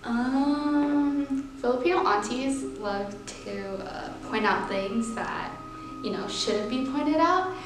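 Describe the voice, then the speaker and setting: A woman telling a playful, animated story in an interview. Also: sits high, slow. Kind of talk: casual storytelling answer. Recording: echoey room. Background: music.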